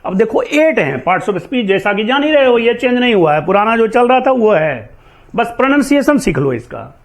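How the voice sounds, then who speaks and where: A man's voice: very high-pitched, sing-song, moderate pace. A man teaching an English grammar class, drilling pronunciation word by word and correcting common mistakes.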